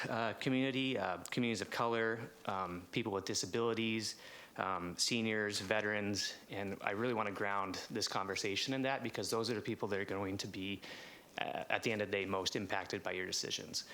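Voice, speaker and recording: An American man giving a polite, semi-formal public comment as an advocate, speaking haltingly with many fillers. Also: lowish voice, sharp tone, a little hiss or hum. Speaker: housing coalition representative giving public comment.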